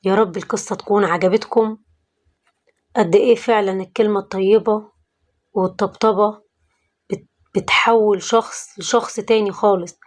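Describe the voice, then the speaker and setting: A woman's voice: mid-range voice, steady tone, normal speed, long pauses. Egyptian woman narrating a church story. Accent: Egyptian Arabic.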